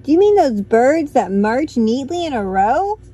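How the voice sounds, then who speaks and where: A boisterous, odd penguin who blares his greetings heartily, as a woman reading aloud puts him on. His voice sits high, loud and bright in a storybook telling. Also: very animated, unhurried. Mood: puzzled. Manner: blaring, hearty.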